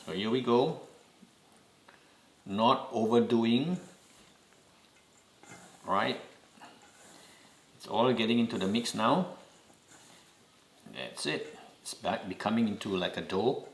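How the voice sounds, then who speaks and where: In a home cooking demo, a man from Singapore speaking with a Singaporean accent offers slow, patient step-by-step guidance and keeps reminding listeners of key points. He has a lowish voice in a reverberant space.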